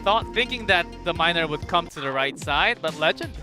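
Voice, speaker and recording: A man's voice: a little high, expressive, fairly quick, over music. A man giving color commentary on an esports match, analytical, laughing often and restarting his sentences.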